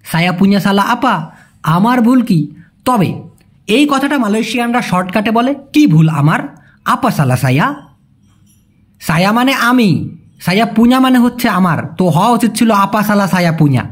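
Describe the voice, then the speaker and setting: A language teacher, speaking in a colloquial way and repeating example phrases slowly. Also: mid-range voice, expressive. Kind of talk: language lesson.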